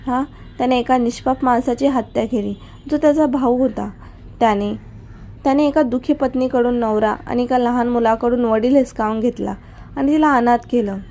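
A woman's voice: on the high side, moderate pace, mellow, close to an everyday voice. A woman voicing a bitter widowed mother who angrily confronts the man who killed her husband. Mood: angry. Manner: angry, accusing.

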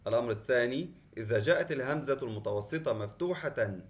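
A man's voice: mid-range voice, expressive, quick pace. Patient male teacher explaining step by step. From Qatar. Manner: patient, explains step by step and repeats key points. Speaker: Arabic teacher. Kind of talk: online class lesson.

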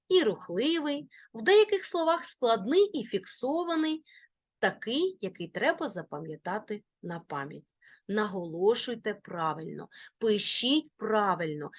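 Slow, lively-voiced woman teacher. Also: a little high, no room sound. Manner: slow, clear pronunciation of example words; lively, sing-song teaching intonation. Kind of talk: video lesson.

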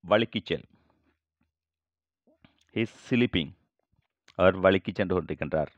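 A man teaching English vocabulary, saying each phrase slowly and then repeating it in translation. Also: deep voice, no room sound, lo-fi sound. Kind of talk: bilingual vocabulary lesson.

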